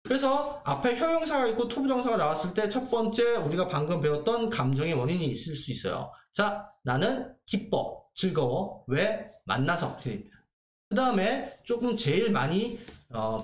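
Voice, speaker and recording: A man teaching English grammar in a lively lecture, asking questions and answering them himself. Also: high-pitched, moderate pace, reverberant. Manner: lively, asks and answers his own questions.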